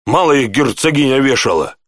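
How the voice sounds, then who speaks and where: A man voicing a rude, gap-toothed male gate guard who talks gruffly and grumbles, raised above his own voice. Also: mid-range voice, expressive, a little fast, fairly bright tone, no room sound, studio quality, pitched above the performer's own voice. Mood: grumbling.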